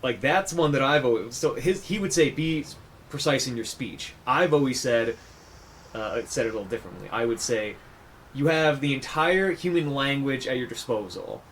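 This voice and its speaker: A man's voice: mid-range voice, animated, moderate pace, a bit bright, a little hiss or hum. A man hosting a casual podcast conversation, thinking aloud and often restarting his sentences. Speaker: podcast host.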